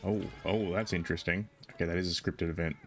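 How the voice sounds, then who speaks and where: A man's voice: deep voice, steady tone, quick pace, a little hiss or hum. A man giving chatty, jokey commentary while livestreaming a video game. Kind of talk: casual gaming commentary.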